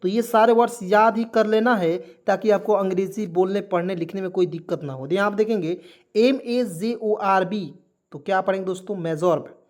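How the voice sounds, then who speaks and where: A man's voice: high-pitched, moderate pace. A man teaching English spelling in an online lesson, asking his listeners rhetorical questions and checking that they follow.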